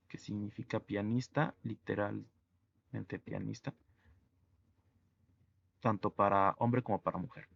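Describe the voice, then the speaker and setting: A man teaching French to Spanish speakers, explaining pronunciation slowly and methodically, letter by letter. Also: on the low side, dry recording, muffled recording. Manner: slow, methodical, spells out sounds letter by letter. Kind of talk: online language lesson.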